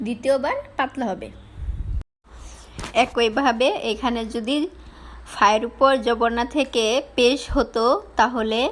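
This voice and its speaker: A woman teaching Arabic letter pronunciation, explaining the rules step by step and slowly repeating each sound to demonstrate. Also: a little high, steady tone. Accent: Bangladeshi Bengali.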